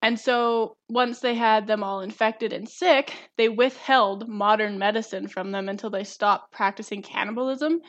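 A woman's voice: on the high side, steady tone, moderate pace, few pauses. A young woman co-hosting a podcast, explaining a topic eagerly, like a student presenting research. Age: young adult. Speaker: podcast co-host. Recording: slightly dull lo-fi sound.

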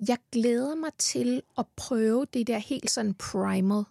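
A pregnant woman with a Danish accent talks in a fairly high voice with plenty of gravelly fry. She gushes and swears casually, close to a dry studio mic. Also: warm tone, no room sound. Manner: enthusiastic, swears freely, laughs often. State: heavily pregnant. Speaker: podcast guest. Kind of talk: casual chat.

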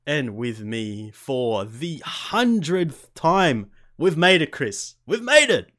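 A man's voice: a little high, sing-song, slow pace, fairly bright tone. An enthusiastic man, chatting casually as a podcast host.

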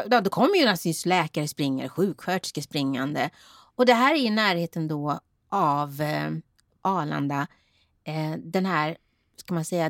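A woman's voice: low voice, no room sound, clean studio sound. A woman co-hosting a podcast, telling a story in casual chat and acting out what people said. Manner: animated, laughing, acts out quotes. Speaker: podcast co-host.

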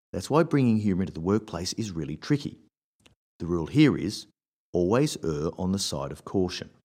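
A man gives workplace advice in a wry, conversational storytelling manner. His voice sits a little low. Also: a little mellow. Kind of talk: scripted advice talk with anecdotes.

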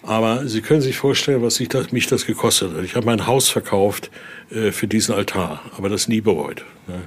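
A collector shows visitors around his Voodoo altar exhibition in an informal tour, telling stories and often ending sentences with short question tags. His voice is on the low side, brisk, and slightly rough.

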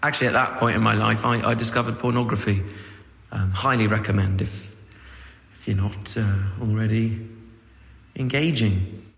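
A man's voice: on the low side, fairly even intonation, normal speed, vocal fry, pauses often, a bit bright. A man playing a pompous, rambling male listener who pads his talk with fillers. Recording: echoey hall.

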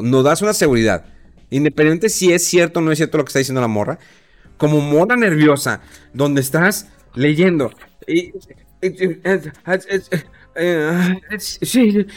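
A man's voice: high-pitched, fairly bright tone. A man with a Mexican accent, talking casually and animatedly with slang, mocking other people in put-on voices. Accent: Mexican Spanish. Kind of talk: casual opinion chat.

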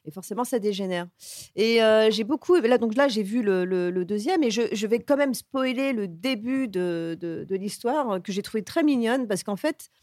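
A woman co-hosting a podcast, describing a film in a hesitant, halting way with frequent laughter. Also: medium pitch, darkish tone, no room sound, clean studio sound. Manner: hesitant, many fillers and restarts, giggly. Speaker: podcast co-host. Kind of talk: casual chat.

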